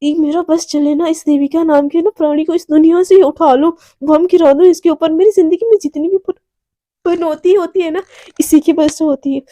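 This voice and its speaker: Woman doing a moody college girl, high excited voice, kinda scornful, dry close sound. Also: normal speed, dry recording.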